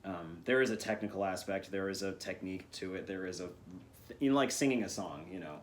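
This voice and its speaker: Deep-voiced man, relaxed and rambling. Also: a little fast, a little hiss or hum. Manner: relaxed, thoughtful, rambling with fillers. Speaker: voice actor guest. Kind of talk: casual interview chat.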